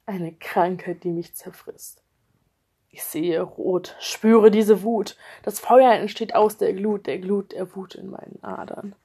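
A woman's voice: mid-range voice, fairly even intonation, takes it slowly, warm tone, breathy edge. Woman giving an intense dramatic reading. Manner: intense, swings between raised voice and whisper. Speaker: reader. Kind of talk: dramatic reading of a poetic text.

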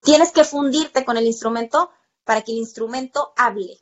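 With highs cut off in the audio, a percussion teacher from Mexico talks at normal speed in a fairly high voice. As an interview guest, she shares personal stories in a chatty, emphatic manner, repeating words to stress them.

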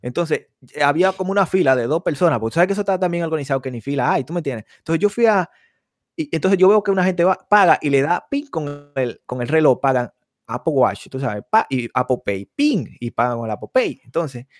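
A man's voice: on the high side, animated, brisk, no room sound, studio quality. A man, co-hosting a podcast in casual chat and rambling through stories, often checking that listeners follow him. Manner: rambling storyteller, keeps asking "tú me entiendes". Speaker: podcast co-host.

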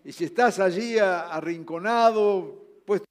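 A man with a Rioplatense Spanish accent preaching a sermon. He urges his listeners earnestly, rising loud and then dropping to soft, low passages. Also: measured pace. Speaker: pastor. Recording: long hall reverb.

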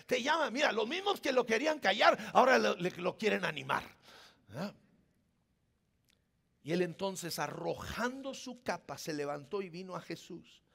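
Preacher guy, high gravelly voice, goes from soft murmur to yelling. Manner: swings from soft murmur to shouting. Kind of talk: sermon.

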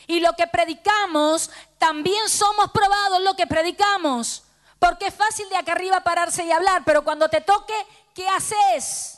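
A woman's voice: very high-pitched, moderate pace. A middle-aged woman pastor with a Rioplatense Spanish accent, fervently telling a personal testimony in a sermon and quoting the people in it. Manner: fervent storytelling, quoting dialogue.

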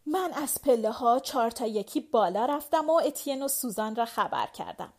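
Expressive woman reading a novel aloud. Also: on the high side. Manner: expressive, animated storytelling. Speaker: audiobook narrator. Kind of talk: scripted first-person narration.

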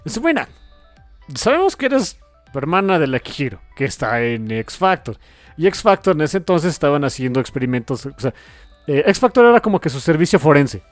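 Lively high-voiced man. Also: fairly quick, no room sound, faint music behind. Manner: animated retelling with acted-out quotes. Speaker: podcast co-host. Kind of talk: casual comic book chat.

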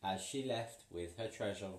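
Man reading a storybook playfully. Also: lowish voice. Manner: playful, pauses for the child to fill in words. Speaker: parent reading to a child. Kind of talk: reading a picture book aloud. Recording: roomy, from a distance.

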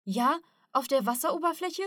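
A woman voicing an eager, excitable young man in an audiobook, asking impatient, excited questions. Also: high-pitched, unhurried, no echo, studio quality, pitched above the performer's own voice, heavily acted.

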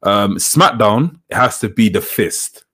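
A man's voice: fairly low pitch, animated, unhurried, a bit bright, husky. A man, chatting casually as a co-host and often repeating phrases for emphasis. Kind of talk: casual chat about wrestling on a live show.

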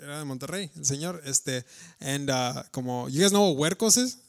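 A man's voice: on the high side, fairly quick, gravelly. A man with a Mexican accent chatting casually as a podcast host, slangy and profane, switching between English and Spanish midsentence. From Durango, Mexico. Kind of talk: casual bilingual podcast chat.

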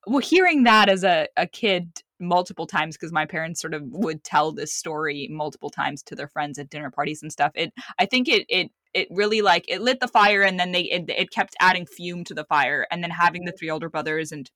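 Speaking briskly with hardly any pauses, this young Middle Eastern filmmaker (born in Saudi Arabia, raised in Lebanon) rambles through candid personal stories, self-correcting, restarting and performing the voices she quotes. Her pitch is fairly low and her tone fairly bright, recorded dry at studio quality.

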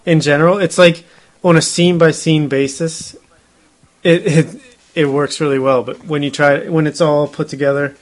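A man's voice: a little high, fairly even intonation, normal speed. Chatty man laughing through movie talk. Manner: chatty, laughs often, many fillers. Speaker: movie review co-host. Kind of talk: casual film discussion.

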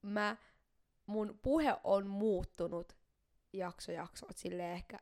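A young woman co-hosting a casual podcast chat, talking quickly and running words together when she gets excited. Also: medium pitch. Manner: talks fast, skips words when excited. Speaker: podcast co-host.

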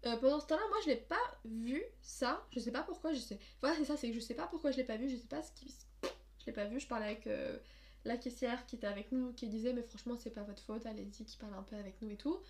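A young woman co-hosting a casual podcast, telling a story in a lively, slangy way. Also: a little high. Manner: animated, slangy, quick storytelling. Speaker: podcast co-host.

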